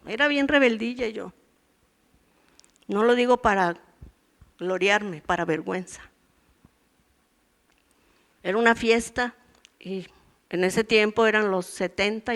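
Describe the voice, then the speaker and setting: A woman's voice: medium pitch, gravelly, fairly bright tone. Woman in her sixties, women's ministry teacher; conversational sermon with acted-out asides. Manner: conversational preaching, acts out voices from daily life and her past.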